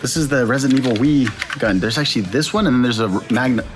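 A man's voice: mid-range voice, quick pace, over music. A man chatting casually while digging through piles of old video game gear. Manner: casual, absorbed in rummaging. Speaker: friend digging through games. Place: game warehouse.

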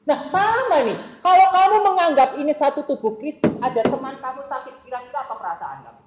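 A woman's voice: high-pitched, expressive, fast, noisy background. A woman preaching at a school worship service, often asking her listeners questions. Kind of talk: sermon to students. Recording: echoey room.

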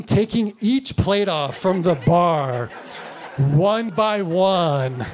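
A man in his thirties doing a live stand-up routine, loose and rambling, full of filler words. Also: high voice. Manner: loose, rambling delivery full of "like" and "you know". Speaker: stand-up comedian. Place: comedy club. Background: audience laughter.

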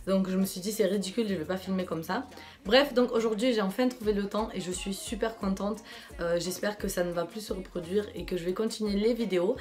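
A woman's voice: mid-range voice, a little fast, a little mellow. A young woman from France chatting casually through a clothing try-on haul, enthusiastic and full of fillers. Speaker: fashion vlogger.

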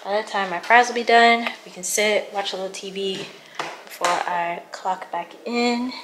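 A woman's voice: mid-range voice, normal speed. Chatty young woman vlogging at home. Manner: chatty, relaxed, talks to viewers while doing chores. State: out of breath. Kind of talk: casual vlog chat. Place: small apartment at home, indoors. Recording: echoey room with noise.

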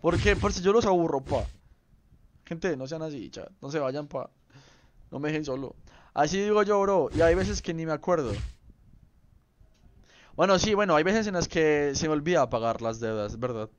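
A man's voice: fairly high pitch, normal speed, pauses often, slight background noise. Young guy streaming, playful slang. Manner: playful, rambling, peppered with slang. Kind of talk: casual livestream chat with viewers. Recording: slightly dull lo-fi stream audio.

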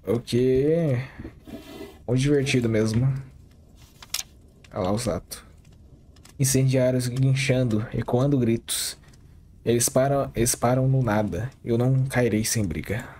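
Mellow-voiced Brazilian gamer joking along. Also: male voice, mid-range voice, measured pace, pauses often, a little hiss or hum. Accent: Brazilian Portuguese. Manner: joking, talks to the viewers as he plays. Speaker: gaming channel host. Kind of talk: casual gameplay commentary.

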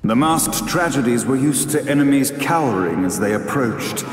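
An actor playing a grandiose playwright who narrates a game in a stagy, declamatory way. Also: male voice, mid-range voice, lively intonation, normal speed, music in the background, close to an everyday voice. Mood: dramatic. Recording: roomy, distant, noisy game audio.

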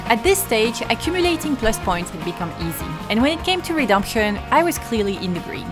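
A woman's voice: on the high side, very animated, a little fast. A woman gives scripted voice-over narration for her travel vlog in a wry, storytelling manner. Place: voice-over, not recorded on location. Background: background music.

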